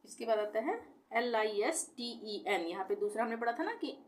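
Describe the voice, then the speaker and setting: A woman teaching pronunciation, spelling words out slowly letter by letter, asking questions and answering them herself. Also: on the high side, lively intonation. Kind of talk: explaining a lesson step by step.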